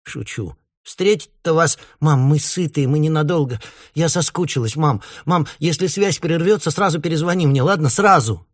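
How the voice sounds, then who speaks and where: Lightly acting, a man voices an anxious young woman in her late twenties who pleads urgently with her mother. He pitches the character above his own voice, landing fairly high, at a moderate pace, in clean studio sound with no room noise.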